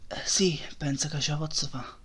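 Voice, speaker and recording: A man's voice: on the high side, fairly even intonation, moderate pace, fairly bright tone, a little hiss or hum, natural voice. A man voicing a worried but determined martial-arts fighter with a Neapolitan accent, colloquial and dramatic, in an amateur cartoon parody dub. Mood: conspiring. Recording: music behind the voice.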